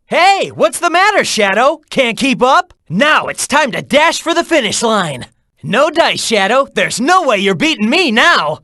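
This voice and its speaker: A young male hedgehog hero in an action video game, brash and upbeat. The pitch swings wildly through short, slangy, energetic battle callouts. The sound is dry and studio-tight, and the delivery is cocky and urging. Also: dry recording, heavily acted. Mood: cocky, teasing.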